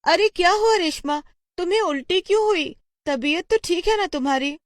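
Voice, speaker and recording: Woman doing a high fussing worried mother. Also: moderate pace, no echo, studio quality. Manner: anxious fussing. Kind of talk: storybook voice acting.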